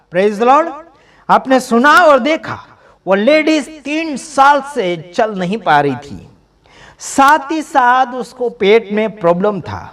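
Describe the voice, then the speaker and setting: A man's voice: very high-pitched, a bit bright. A man giving emphatic, preaching-style commentary over video clips, repeating phrases for stress. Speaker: video commentator for a healing ministry.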